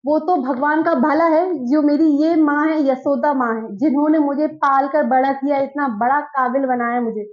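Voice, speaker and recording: A woman's voice: sits high, fairly even intonation, normal speed, hardly any pauses, close to an everyday voice. A woman voicing a cold, grown-up young daughter in a drama skit, talking in a curt, formal way. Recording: dull lo-fi recording.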